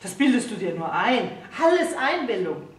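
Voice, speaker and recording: A woman's voice: medium pitch, sing-song, normal speed, natural voice. A woman voicing a grumpy middle-aged husband who grumbles and turns plaintive. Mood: flustered. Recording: roomy distant reading with faint hiss.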